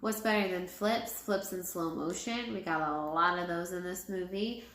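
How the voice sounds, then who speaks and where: A woman's voice: fairly low pitch, moderate pace, a bit bright. A woman giving a casual film review in a tipsy, rambling way, repeating herself as she goes. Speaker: movie reviewer. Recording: echoey room.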